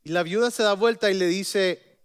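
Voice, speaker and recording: A male pastor preaching a sermon, retelling a story in a lively way with joking asides. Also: high-pitched, moderate pace, clean tone.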